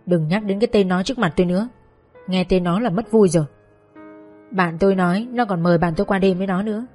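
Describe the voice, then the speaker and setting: A woman's voice: mid-range voice, fast, a little mellow, soft background music, close to an everyday voice. Brief: bitter young husband, curt and cold; female narrator reads him. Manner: curt and dismissive.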